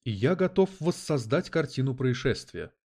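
A man's voice: medium pitch, very animated, normal speed, a little mellow, voice pushed up. A man voicing a prim, coldly logical male detective android who speaks in an oddly mechanical, lecturing way. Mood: composed. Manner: precise, lecturing, unflappable.

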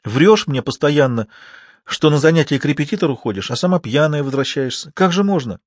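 A man's voice: a little high, animated, fairly quick, dry recording, clean studio sound. A man voicing a patient, middle-aged aunt who speaks sadly and reproachfully. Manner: sad and reproachful.

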